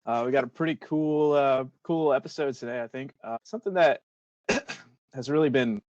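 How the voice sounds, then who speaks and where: Male co-host, halting casual delivery, muffled dry recording. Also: medium pitch, dry recording. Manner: hesitant, many "uh" and restarts. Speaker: podcast co-host; military veteran. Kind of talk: casual podcast chat. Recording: dry, dull lo-fi mic.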